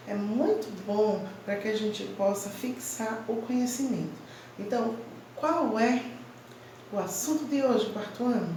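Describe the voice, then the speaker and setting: A woman teacher giving a slow, emphatic grammar lesson to children, stressing each syllable clearly. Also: on the high side, a little mellow, far from the mic, slight background noise. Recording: very echoey room, voice from off-mic.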